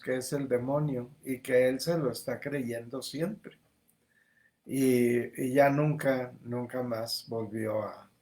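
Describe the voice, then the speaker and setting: A male spiritual teacher delivers a livestreamed lesson at a very unhurried pace. His voice sits at an ordinary middle pitch, and he talks deliberately, circling back and repeating words as he builds each point. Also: a little mellow. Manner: slow, deliberate, with frequent repetitions.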